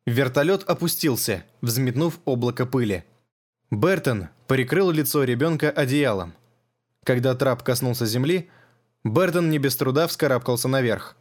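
A man's voice: mid-range voice, lively intonation, normal speed. Man narrating an audiobook evenly. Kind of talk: scripted narration.

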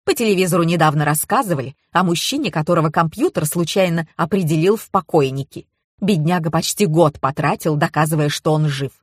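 A woman's voice: sits low, fairly quick, slightly rough, dry recording, studio quality. A woman voicing a middle-aged widow who is tearful and indignant, read in an audiobook. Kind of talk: audiobook character reading.

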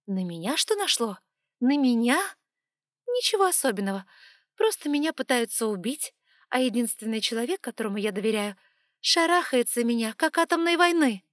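A woman voicing an angry, tearful young heroine who shouts accusations in an audiobook. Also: fairly high pitch, big pitch swings, normal speed, dry recording, studio quality, pitched above the performer's own voice.

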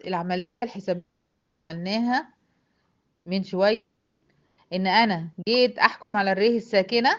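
A woman with an Egyptian accent teaches tajweed at a brisk pace. She explains each rule patiently and keeps checking whether her students follow. The recording sounds dull and lo-fi. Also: medium pitch. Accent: Egyptian Arabic. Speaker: Quran recitation teacher. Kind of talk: online tajweed lesson.

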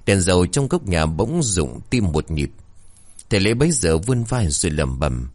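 Man, horror story narrator, suspenseful, very low voice, dry close recording. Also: very animated, moderate pace, a little mellow, dry recording. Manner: dramatic, suspenseful.

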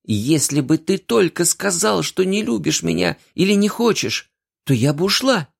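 Man voicing a heartbroken young woman, shrill. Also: animated, moderate pace, gravelly, slightly rough, full character voice. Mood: furious. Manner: tearful, pleading, shrill outbursts.

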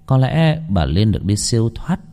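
A man narrating a village ghost story in a hushed, suspenseful storytelling manner. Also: lowish voice, sing-song, moderate pace.

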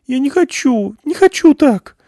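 A man's voice: a little high, normal speed, darkish tone, no echo, studio quality, voice pushed up, natural voice. A man voicing a frightened teenage girl with strange powers, speaking in a thin, plaintive voice. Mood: hysterical. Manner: thin, plaintive, hysterical when upset.

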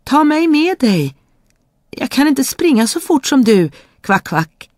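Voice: mid-range voice, animated, a little mellow, no echo, clean studio sound. A reader voicing an insistent male frog who calls out shrilly in a fairy tale reading. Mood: pleading calls. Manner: calls out shrilly, croaks kvack. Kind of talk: storybook reading.

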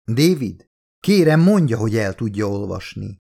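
Man voicing an excited, urgent scientist. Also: lowish voice, full character voice. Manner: urgent, breathy excitement, half-whispering at times. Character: excited male scientist explorer. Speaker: audiobook narrator voicing a character.

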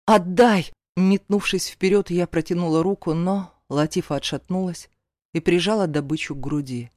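A woman narrating a novel in the first person in a steady storytelling voice. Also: lowish voice, normal speed, dry recording, studio quality. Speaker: audiobook narrator.

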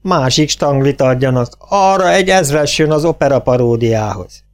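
A man voicing an unflappable male stage technician who speaks calmly and solemnly from high above. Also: natural voice. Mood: lofty. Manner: calm, solemn, lofty.

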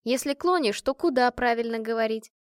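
A woman voicing a smart woman scholar who talks in an instructive, gently teasing way. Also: a little high, fairly quick, clear, resonant tone, dry recording, clean studio sound, close to an everyday voice.

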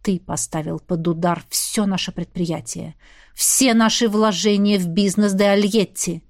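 A woman's voice: medium pitch, fairly even intonation, a little slow, no room sound, studio quality, lightly acted. A woman voicing the stern eldest brother, a young man who questions his sibling in a commanding tone.

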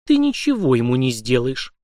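A man voicing a calm, shrewd middle-aged empress who reasons coolly, in an audiobook. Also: a little high, fast, no room sound, studio quality. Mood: calm, steely.

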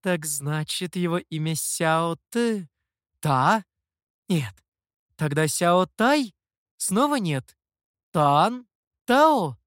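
A man's voice: a little high, lively intonation, very slow, pauses often, fairly bright tone, smooth, no room sound, clean studio sound, heavily acted. A man voicing a playful, vain fox demoness who teases and pouts in a storybook reading. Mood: teasing. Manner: teasing, coy.

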